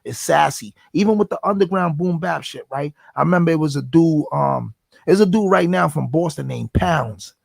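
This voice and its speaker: A man with a thick New York accent and a deeply gravelly, raspy voice, pitched a bit high for a man. He tells animated, profane stories as a guest rapper in a casual sit-down chat, recorded dry and close. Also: normal speed, no room sound. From the Bronx, New York. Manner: animated storytelling, swears freely.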